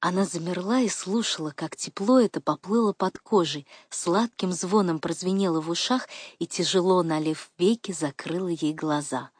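Woman, audiobook narration, expressive, intimate, dry studio sound. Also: lowish voice, normal speed, breathy edge, no room sound.

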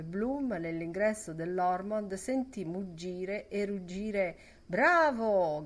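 A woman reading a novel aloud as an audiobook narrator, in lyrical, fragmented phrasing. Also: fairly low pitch.

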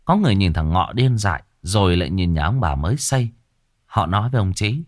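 A man narrating a ghost story in a dramatic, lively way. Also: sits low, fast talker, no echo, clean studio sound.

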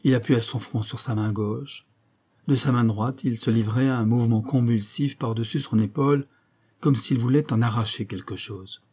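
A man narrating a nineteenth-century story as an audiobook, measured and expressive. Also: medium pitch, husky. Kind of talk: literary audiobook reading.

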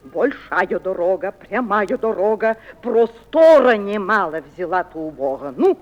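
An actress playing a strict mother drilling a boy on a poem, patient but sharp, in an old radio play. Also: medium pitch, animated, a little slow, highs cut off, close to an everyday voice. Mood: insistent.

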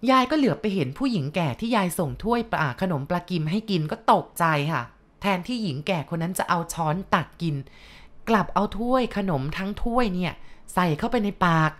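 A woman with a lowish voice narrates a ghost story. She tells it conversationally, with chatty asides to the listener. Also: expressive, fairly quick.

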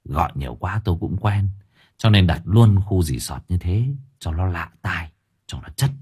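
A man voicing a middle-aged bald resort owner who speaks deferentially and slowly. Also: low-pitched, a little mellow, slightly rough. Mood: polite. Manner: deferential, slow polite speech.

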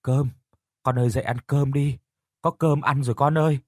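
A man's voice: on the low side, moderate pace, darkish tone, no echo, lightly acted. A man voicing a poor, grieving mother who coaxes her children and wails tearfully, recorded close and dry. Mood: coaxing. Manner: wailing, coaxing and tearful.

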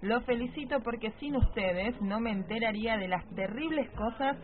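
A woman, reading listener messages on a radio show in a brisk, matter-of-fact way. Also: a little high, slight background noise. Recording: tinny radio broadcast.

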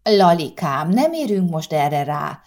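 A woman's voice: low voice, big pitch swings, darkish tone. A woman voicing a vain, snobbish older grandmother who talks down to those around her. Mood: dismissive. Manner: hissing, dismissive.

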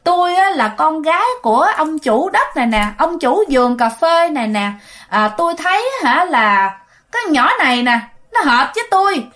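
A woman voicing the ghost of a young girl who has taken over a living body, speaking in a high, teasing sing-song. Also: sing-song, normal speed, a bit bright. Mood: eerie teasing. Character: young female ghost possessing a girl, eerie, playful.

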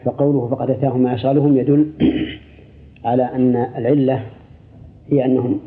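An older man, an Islamic scholar, answering listener questions on a radio program in a measured, deliberate way. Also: medium pitch, little pitch movement. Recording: tinny, lo-fi radio broadcast.

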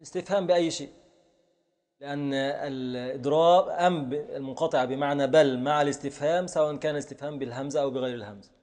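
In a classroom lecture on classical Arabic grammar, a man with a fairly high, slightly mellow voice explains things slowly. He goes over word forms repeatedly and responds to students' questions.

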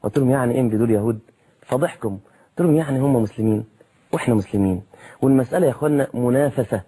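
Fast-talking husky Egyptian preacher. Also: male voice, mid-range voice, mellow. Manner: colloquial, full of rhetorical questions. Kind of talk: televised sermon.

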